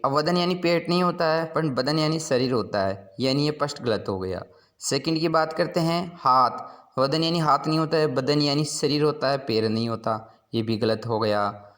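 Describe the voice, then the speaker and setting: A man's voice: on the high side, moderate pace, fairly bright tone. A man teaching a school lesson, patiently explaining word meanings and repeating each point.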